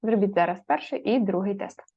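A woman's voice: medium pitch, brisk, dark tone, husky. Patient woman teaching a spelling lesson. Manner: explaining patiently, with many fillers and spelled-out letters. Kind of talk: spoken grammar lesson. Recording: slightly dull lo-fi audio.

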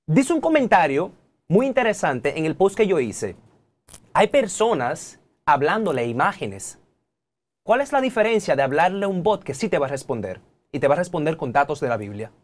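A man in his thirties with a Dominican accent, a technology guest in a TV studio interview who talks in an animated, preachy way and keeps addressing the audience directly. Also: on the high side, moderate pace. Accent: Dominican Spanish. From Dominican Republic.

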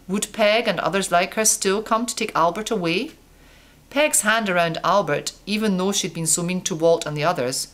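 A woman reading a children's story aloud as narrator, calm and steady. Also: fairly low pitch.

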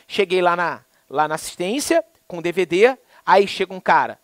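Animated Brazilian man teaching law. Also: normal speed, no echo. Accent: Brazilian Portuguese. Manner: lively, colloquial, acts out dialogue with swings in pitch. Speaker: law lecturer. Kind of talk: animated online law lesson with anecdotes.

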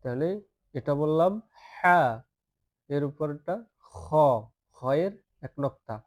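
Male Arabic alphabet teacher, slow repetitive lesson delivery. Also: a little high. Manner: patient, repeats each letter several times, asks listeners to say it along.

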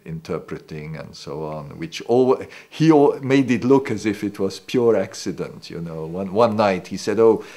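Though hesitant and prone to restarts, this non-native English speaker in his sixties sounds animated, with a low, dark voice at a moderate pace and few pauses. He's reminiscing in a seated living-room interview captured by an off-camera mic.

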